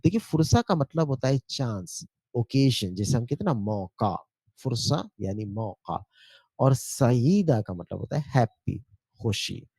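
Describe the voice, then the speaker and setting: A male teacher giving a spoken language lesson, explaining patiently, repeating words slowly and often asking checking questions. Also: mid-range voice, sing-song, gravelly, warm tone, slightly rough, no echo. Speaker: Arabic teacher.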